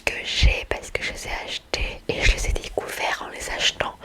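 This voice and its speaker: A woman speaking in a soft library-like whisper, talking about books and reading aloud in an ASMR style. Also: rough recording. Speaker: book haul video host. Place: indoors, in front of bookshelves.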